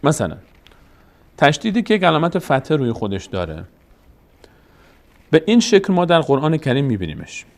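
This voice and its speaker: A man's voice: fairly high pitch, wildly swooping pitch, pauses often, darkish tone. A man with a Tajik Persian accent teaching Quranic reading signs step by step, patient and explanatory, often asking and answering his own questions.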